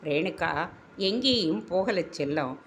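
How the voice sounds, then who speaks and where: A woman's voice: on the low side, lively intonation, unhurried, a little hiss or hum. A woman voicing a grieving elderly grandmother who is locked away, speaking in a tearful, pleading, affectionate way.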